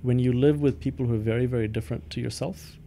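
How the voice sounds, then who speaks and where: Male company founder in an interview, mellow voice, measured, filler-heavy answers. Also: mid-range voice, fairly even intonation, creaky, a little hiss or hum. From India. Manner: thoughtful, many ums and restarts. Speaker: company founder and CEO, guest.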